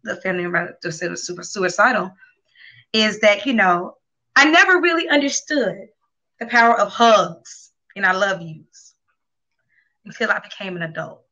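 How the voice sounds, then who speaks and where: A woman's voice: medium pitch, lively intonation, normal speed, pushed and bright. A woman co-hosting a talk show, rambling earnestly with lots of filler phrases and close to tears. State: near tears. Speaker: co-host and sex coach. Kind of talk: casual talk show chat. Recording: dull lo-fi sound.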